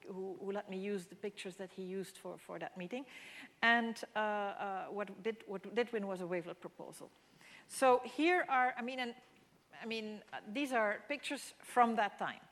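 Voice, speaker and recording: In a lecture hall, a woman whose first language is Dutch gives a public mathematics lecture with slides, explaining ideas with frequent restarts and fillers. Her voice is mid-range at a normal speed. The hall adds long reverb to the recording.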